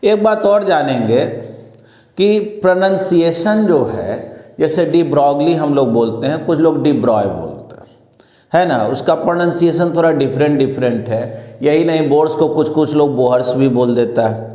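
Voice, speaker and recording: A man's voice: fairly high pitch, animated, dark tone. A man teaching a physics lecture, explaining step by step and slipping English science terms into his speech. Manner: slow, explanatory, mixes English terms into Hindi. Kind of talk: classroom lecture. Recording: echoey room with long reverb.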